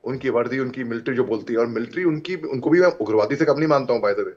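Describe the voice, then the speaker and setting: Male debate panelist, mid-pitched, steady and explanatory, heard over a dull remote video link. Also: fast talker. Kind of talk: TV debate commentary.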